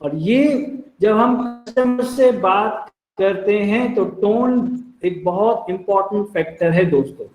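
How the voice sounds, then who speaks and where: High-voiced Indian man teaching a class. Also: takes it slowly, few pauses, darkish tone, faint music behind. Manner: explains with everyday examples, addresses listeners as friends. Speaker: telecalling trainer. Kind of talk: training lecture. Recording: echoey room.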